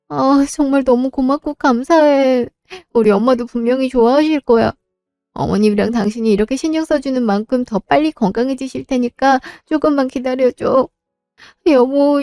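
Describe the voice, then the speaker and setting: Woman doing a teary grateful young wife, high voice, dry close sound. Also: no room sound. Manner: bright, emotional, pleading. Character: young wife caring for her sick mother, tearful and grateful.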